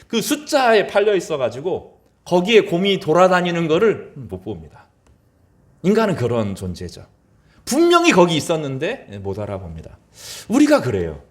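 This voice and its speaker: Animated male pastor preaching. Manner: animated preaching, voice rising high in acted quotes and dropping low at phrase ends. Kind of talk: sermon.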